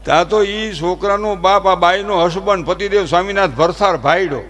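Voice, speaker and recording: A high-pitched man spins humorous folk stories for a live crowd. He talks in an animated way, slips into characters' voices and presses his points with preachy emphasis. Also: moderate pace, soft background music. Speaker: folk storyteller at a dayro.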